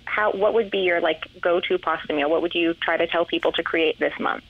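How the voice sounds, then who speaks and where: Young female interviewer, quick and casual, heard over a phone line. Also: lowish voice, steady tone, creaky. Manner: friendly, casual questioning.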